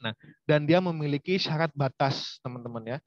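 A man teaches a university lecture online in a chatty manner, speaking straight to his students. His voice is fairly high at a moderate pace, with no room sound on a dull, lo-fi recording.

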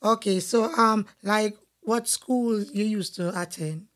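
A woman's voice: mid-range voice, slow, fairly bright tone. A woman co-hosting a casual podcast, upbeat as she reads sponsor plugs and asks questions. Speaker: podcast co-host.

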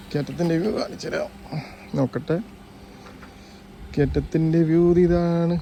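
A man's voice: a little high, gravelly, warm tone, slight background noise. A man working as a driving instructor, narrating and coaching a learner from inside a car, teasing and repeating his questions.

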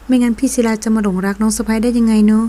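A woman voicing a playful, teasing young woman in an audio novel, coy and high-toned. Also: flat delivery, racing, mellow, lightly acted.

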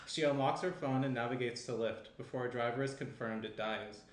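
The narrator of this screenplay table read is a young man with a mid-range voice who reads the stage directions a little fast and in a steady tone. He's sitting indoors with a tablet, and the shared desk microphone, set some distance off, gives a roomy echo over faint background noise.

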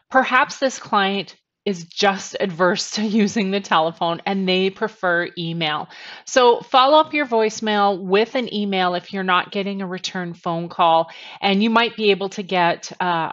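A woman in her forties, a sales trainer, walks viewers through tips one step at a time while speaking to camera. Her medium-pitched voice has a fairly bright tone. The setting is a small attic bedroom, and her headset mic yields dull, lo-fi audio.

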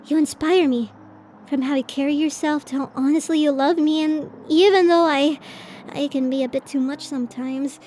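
A woman with a high, warm voice close to an everyday tone plays a bashful, tender tsundere college girlfriend in a romantic ASMR roleplay. Flustered and hesitant, she swings between protest and affection.

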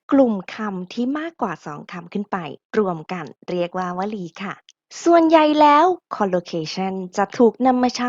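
A woman's voice: mid-range voice, darkish tone, no room sound, muffled recording. A woman teaching an English lesson, drilling pronunciation and having listeners repeat after her.

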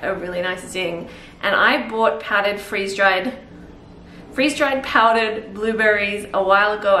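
An Australian woman in her thirties chats in a rambling cook-along vlog while cooking in her kitchen, thinking aloud with fillers. Her medium-pitched voice sounds pushed and bright. It's recorded off-mic by a camera mic a few feet away, with roomy kitchen echo.

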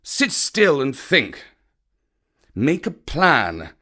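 A man's voice: on the high side, wildly swooping pitch, extremely slow, bright, forceful tone, heavily acted. A man voicing a fierce male panther who scolds his friend in a stern, commanding way. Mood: scornful.

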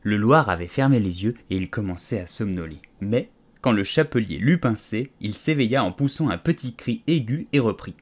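A man narrating a storybook audiobook in an expressive, lively reading style. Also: on the low side, moderate pace.

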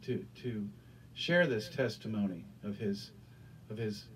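A middle-aged pastor with a lowish voice and lively intonation preaches and prays a little slowly, earnestly repeating his words into a handheld microphone. He stands on a small church stage with curtains. He's recorded from a distance, with slight background noise.

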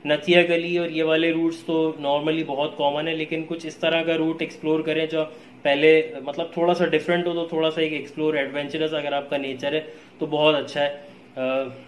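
A man's voice: a little high, little pitch movement, moderate pace. A man with a Pakistani Urdu accent, talking casually in a travel vlog, easygoing and dropping English phrases with frequent uh fillers. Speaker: travel vlogger. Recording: echoey room with faint background noise.

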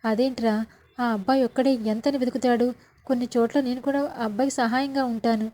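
A woman's voice: on the high side, steady tone, quick pace, mellow, lightly acted. A woman voicing an anxious middle-aged woman afraid for a missing girl. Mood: worried. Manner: anxious, pleading. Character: worried middle-aged mother figure.

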